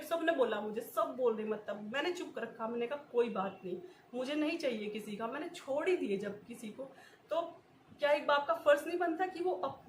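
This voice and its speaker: A woman, talking in an emotional personal vlog, in short repeated phrases and often breaking into nervous laughs. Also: sits high. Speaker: vlogger. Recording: echoey room with faint ambient noise.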